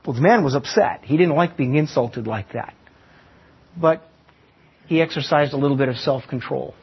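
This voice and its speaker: A man preaching a sermon, teaching with stories and slowing down for emphasis. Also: mid-range voice, breathy edge. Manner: teaching with illustrations and slow emphatic pauses. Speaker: pastor. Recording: dull lo-fi sermon recording.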